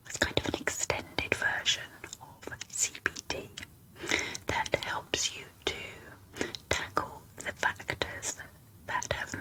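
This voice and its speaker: A woman doing a whispered role-play in a soft, unvoiced ASMR whisper, speaking slowly and deliberately. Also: rough recording. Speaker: ASMR video creator.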